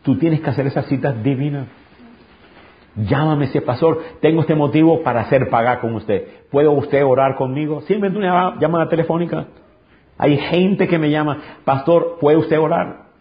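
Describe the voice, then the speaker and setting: Male pastor preaching, higher voice, fiery then hushed, muffled lo-fi audio. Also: normal speed. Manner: impassioned, swings from high shouted peaks to low intimate tones. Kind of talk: sermon. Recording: dull lo-fi sound.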